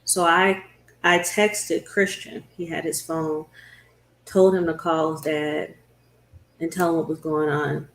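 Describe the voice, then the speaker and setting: A woman's voice: low-pitched, little pitch movement, echoey room, a little hiss or hum. A woman talk show host telling the story of her own illness in an earnest, conversational way. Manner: earnest, storytelling, slows down at hard moments.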